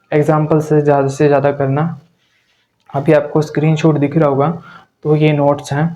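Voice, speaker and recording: Male language tutor, measured and flat, slightly raised pitch, dull lo-fi recording. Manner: slow, drawn-out teaching with sounds repeated and checking questions. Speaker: English pronunciation teacher. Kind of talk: spoken video lesson.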